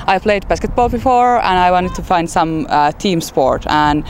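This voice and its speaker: A woman from Finland, a rugby player, answering in a measured, pausing way. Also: on the low side, animated, a little hiss or hum. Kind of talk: interview answers.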